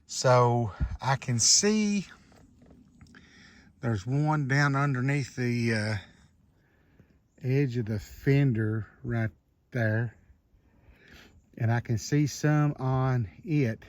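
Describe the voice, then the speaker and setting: A man's voice: mid-range voice, very slow, pauses often. A man vlogging outdoors at his junkyard, out of breath and folksy, talking back to wasps. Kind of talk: casual outdoor vlog.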